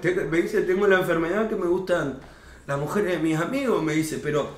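A man's voice: fairly high pitch, brisk, slight background noise. A young man with an Argentine Rioplatense accent, telling an anecdote in casual chat and acting out the quoted lines with lots of slang. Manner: animated, slangy, acts out quoted dialogue. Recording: echoey room.

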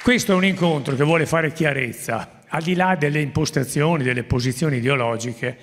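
Gravelly man moderating in a theatre. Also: fairly high pitch, fairly quick, some chatter behind, a little hiss or hum. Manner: emphatic, exhorting the audience. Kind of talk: public talk at a conference. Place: theatre stage before a large audience. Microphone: handheld microphone. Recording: long theatre reverb.

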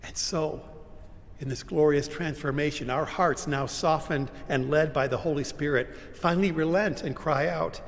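An older man preaching a sermon from a pulpit, dramatic, moving from loud cries to hushed whispers. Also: on the high side, moderate pace, creaky. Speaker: pastor. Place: large church sanctuary, standing at a pulpit. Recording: long church reverb, faint room hum.

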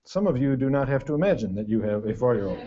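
A man's voice: medium pitch, lively intonation, fast, dark tone. An older man giving a humorous parenting lecture to an audience, with a dry storytelling delivery and punchy lists. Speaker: parenting workshop speaker. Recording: dull lo-fi recording of a talk.

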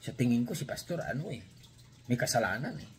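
A man's voice: medium pitch, sing-song, brisk, slight background noise. A man from the Philippines hosting his channel, giving casual reaction commentary on a news story in a rambling, chatty way with many hesitations and rhetorical asides. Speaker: channel host.

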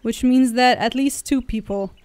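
A woman's voice: a little high, normal speed, a little mellow, no room sound. A young woman from Poland chatting casually as a travel vlogger while riding in a car through the woods, rambling and correcting herself as she goes. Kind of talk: casual vlog narration.

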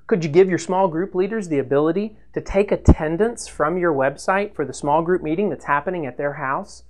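A man in his fifties giving a standing whiteboard lesson in a small room, talking animatedly and gesturing as he explains. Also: a little high. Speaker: church web consultant presenter.

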